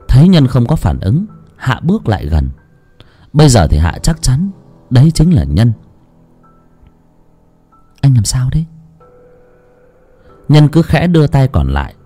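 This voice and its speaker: A man narrating a horror story in a dramatic, expressive reading. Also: medium pitch. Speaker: audiobook narrator. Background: soft music.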